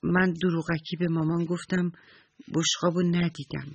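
A man voicing an earnest young girl in a children's story, speaking softly and sincerely. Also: a little high, level tone, husky, no echo, highs cut off. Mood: remorseful. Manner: earnest, soft.

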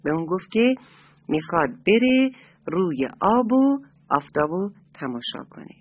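A woman reads a bedtime-style story aloud and turns to the children to ask them questions. Her pitch swings widely and freely, and her voice is soft and breathy. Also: very animated. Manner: addresses children warmly and directly.

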